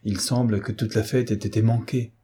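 Mother figure: anxious, imploring older woman, read by a man, husky tone. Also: fairly low pitch, fairly even intonation, normal speed, mellow. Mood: weary. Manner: imploring, wavering. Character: pleading anxious mother of an adult son.

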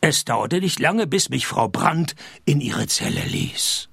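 Gravelly, deadpan noir private detective. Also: male voice, medium pitch, slow, no room sound, heavily acted. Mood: wry narration. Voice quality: gravelly, raspy. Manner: deadpan, sardonic, dry wisecracks. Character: wry, world-weary male private detective narrating his case. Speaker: lead character and narrator. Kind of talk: noir detective radio drama, deadpan narration and dialogue.

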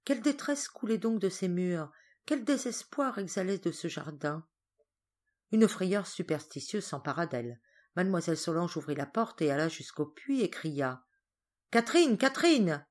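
Style: scripted audiobook narration. Sex: woman. Pitch: slightly low. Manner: measured, expressive. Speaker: audiobook reader.

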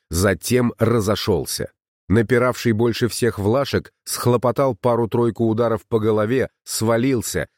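A man narrating an adventure audiobook in steady storytelling. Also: mid-range voice, no echo, clean studio sound.

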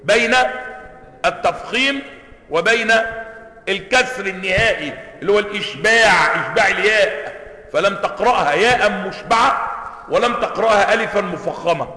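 A man's voice: sits high, a little fast, bright, forceful tone. An Egyptian man, a sheikh teaching Quranic sciences, who explains points, asks his class questions and repeats words to show how they are pronounced. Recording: echoey hall, long reverb.

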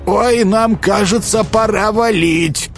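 A man's voice: high voice, slow, pitched above the performer's own voice. A man voicing a frightened young woman with a thin, nervous little voice. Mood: scared.

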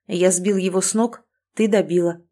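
A woman voicing a calm, protective male alpha werewolf in an audiobook, speaking quietly and evenly. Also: on the low side, moderate pace, lightly acted. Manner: quiet, even and soothing.

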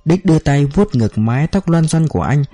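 A man narrating a novel in a steady storytelling manner. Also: on the high side, fairly quick, no room sound, faint music behind. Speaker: audiobook narrator. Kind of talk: scripted narration.

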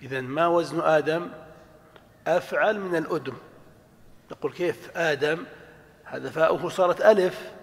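Male lecturer with a slightly high voice, quizzing students in a reverberant lecture hall. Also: moderate pace, creaky, pauses often. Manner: asks the class questions and answers them himself. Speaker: professor. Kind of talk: classroom lecture on Arabic morphology.

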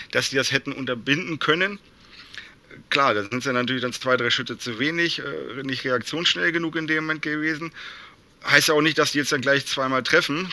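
Very bright, forceful male football pundit. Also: medium pitch. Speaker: podcast guest, football fan. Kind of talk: casual football discussion.

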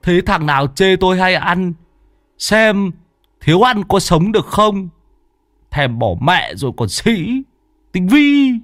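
A man voicing a brisk, teasing old male exorcist, chiding and joking. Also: on the high side, expressive, dry recording, clean studio sound, voice pushed up. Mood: bantering.

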